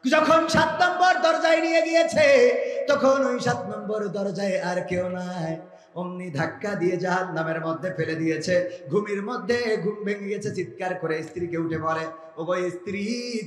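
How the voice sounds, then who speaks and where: A man preaching an Islamic sermon at an outdoor gathering, swinging between high shouted chant and low intimate speech. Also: normal speed, echoey room, long reverb tail. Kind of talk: rhythmic shouted waz sermon.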